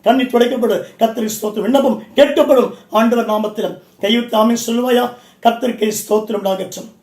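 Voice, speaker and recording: High-voiced man preaching in an echoey hall. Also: fairly even intonation, quick pace, darkish tone. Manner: emphatic preaching in repeated short phrases, calling out to listeners. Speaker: bishop. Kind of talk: Pentecostal sermon. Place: church.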